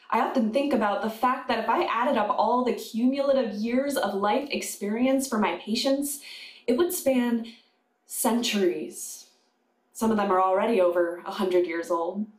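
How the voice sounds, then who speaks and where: A woman chaplain delivering a sermon to a congregation, slow and deliberate with pauses. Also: fairly high pitch. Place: congregation sanctuary. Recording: echoey room.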